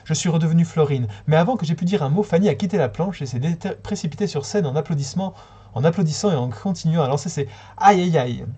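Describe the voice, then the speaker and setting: A man reading a short story aloud on a livestream, calm and steady with a few small slips. His voice is mellow and relaxed, with a slightly husky grain. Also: fairly high pitch, fast. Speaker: reader.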